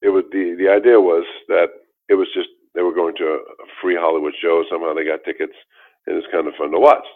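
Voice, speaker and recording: An older man, a guest in a casual interview, tells a long story about his life, rambling with lots of restarts and fillers. He talks fast in a low voice with little pitch movement, and the line sounds tinny, like a phone.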